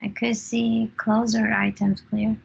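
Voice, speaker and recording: Woman speaking slow and earnest on a call, husky low-ish voice, muffled sound. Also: level tone. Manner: earnest, halting, non-native phrasing. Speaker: participant in self-inquiry session. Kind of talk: reflective conversation on a video call. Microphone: video call. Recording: muffled lo-fi video call audio.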